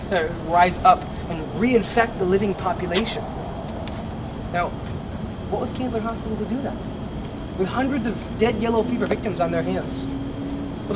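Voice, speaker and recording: A man guiding a ghost tour, telling grim history in a dramatic, deliberate storytelling way with emphatic pauses, recorded outdoors. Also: high-pitched. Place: outdoors on a city street by an old building. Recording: outdoor recording with clear city traffic noise.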